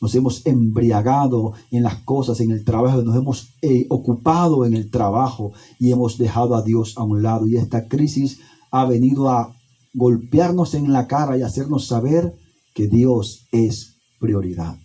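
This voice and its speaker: A man preaching a sermon as pastor, with emphatic pauses and repetition. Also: medium pitch, mellow, husky, rough recording.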